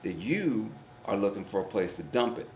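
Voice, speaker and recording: A man's voice: on the low side, big pitch swings, normal speed, darkish tone, a little hiss or hum. A man from East St. Louis, Illinois, a guest comedian talking earnestly and plainly in a casual reflective conversation. He swears casually and repeats words while thinking. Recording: roomy echo.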